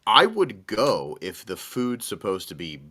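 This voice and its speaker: A man's voice: fairly low pitch, huge pitch swings, a little slow, bright, forceful tone. A man hosting a podcast, joking and teasing in casual chat. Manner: playful, teasing, swears. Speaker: podcast host.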